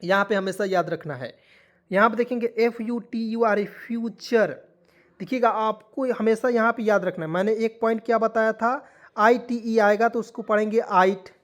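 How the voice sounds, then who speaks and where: His voice sits high and steady, moving at a moderate pace. Leading a lesson like a classroom teacher, he spells out words letter by letter, poses questions to his listeners, supplies the answers himself, and keeps reassuring them patiently as his friends.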